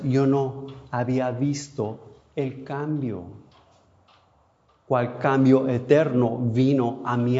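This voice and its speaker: A male preacher delivers an emotional sermon at an unhurried pace. His voice is mellow and dark, falling soft and low before lifting again with feeling. The recording is dull and lo-fi. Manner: emotional, swings between soft and loud with long pauses; non-native Spanish, asks how to say a word. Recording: dull lo-fi sound.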